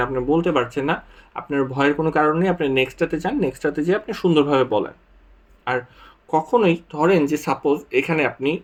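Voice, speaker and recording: A young man with a Bangladeshi Bengali accent tutoring exam preparation, patiently walking through worked examples and repeating key points. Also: fairly high pitch. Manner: patient, repetitive, walks through examples step by step. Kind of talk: screen-share tutorial explanation.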